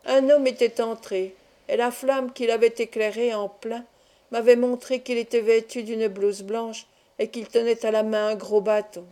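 A woman reading a classic novel aloud as an audiobook, in steady, measured storytelling. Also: a little high. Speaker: audiobook reader. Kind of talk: scripted narration of a novel.

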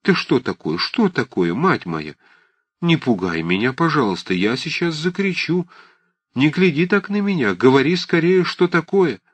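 Brief: agitated old aunt, blunt and fussy, raised and lively, dry close sound, a male reader putting her on. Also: fairly high pitch, a little slow, dry recording, voice pushed up. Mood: coaxing. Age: older. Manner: agitated, scolding, emphatic. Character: fussy, blunt elderly aunt, warm-hearted. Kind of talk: audiobook character reading.

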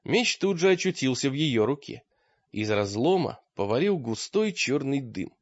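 A man narrating a fantasy adventure audiobook with a steady, dramatic reading. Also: medium pitch, moderate pace, no room sound. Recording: dry, dull lo-fi audio.

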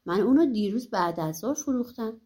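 A woman's voice: on the high side, lively intonation, warm tone, voice pushed down. A woman voicing a crafty peasant man who tricks others in a folk tale. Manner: playful, crafty tone. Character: sly, cheerful young peasant man.

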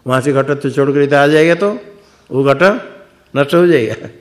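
A man's voice: medium pitch, moderate pace. Man teaching scripture, questioning aloud. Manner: asks and answers his own questions, repeats words for emphasis. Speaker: Vedanta teacher. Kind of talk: scripture lecture.

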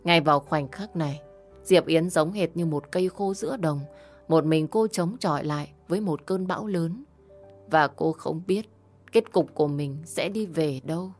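A woman narrating a scripted drama story in a steady, dramatic storytelling manner. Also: low-pitched, normal speed, soft background music.

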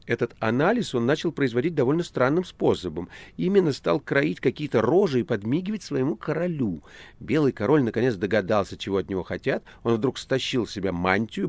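A man narrating an audiobook in an expressive, lively storytelling manner. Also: mid-range voice, no echo. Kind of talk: scripted narration.

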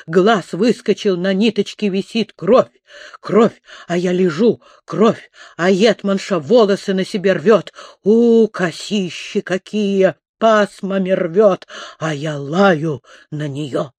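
Reader plays a crazed young soldier, frantic broken outbursts, slow heavy delivery, dry close sound. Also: mid-range voice, darkish tone, no echo. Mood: raving. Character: raving, terrified young male soldier gone mad. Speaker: imprisoned musketeer.

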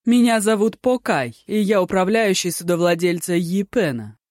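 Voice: mid-range voice, normal speed, a little mellow, no room sound, clean studio sound, close to an everyday voice. A narrator voicing a flamboyant tipsy poet. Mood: effusive. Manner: effusive, theatrical, self-satisfied.

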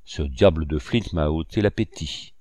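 Man doing a superstitious pirate, grumbling, very deep voice, storybook. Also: moderate pace, warm tone, dry recording, studio quality. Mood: sullen.

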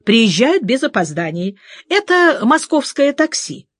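Audiobook: woman doing a courteous, commanding middle-aged gentleman, lowered and dry-sounding. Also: sing-song, measured pace, no echo, full character voice. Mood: brisk, courteous. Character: gruff polished middle-aged male neighbor. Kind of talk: audiobook character voice.

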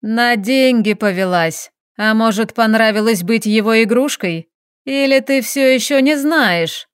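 A woman voicing a bitter, mocking estranged husband who spits out his words slowly. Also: fairly high pitch, smooth, no echo, studio quality, close to an everyday voice.

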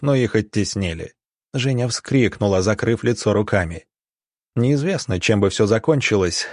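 A man narrating an audiobook in a steady storytelling manner. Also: mid-range voice, no echo, studio quality.

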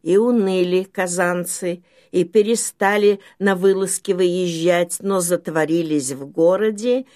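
A woman with a low voice narrates an old tale from a script. She takes her time, reading slowly and solemnly in the measured manner of a storyteller. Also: darkish tone. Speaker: audiobook reader.

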